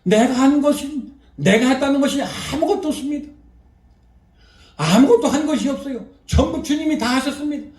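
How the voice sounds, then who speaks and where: A woman's voice: high-pitched, moderate pace, a little mellow. An older woman pastor preaching a revival sermon with emphatic fervor, calling out to her congregation and punctuating her points with hallelujahs. Her voice carries through an echoing church and reaches the microphone from some way off. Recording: roomy echo, voice picked up from a distance.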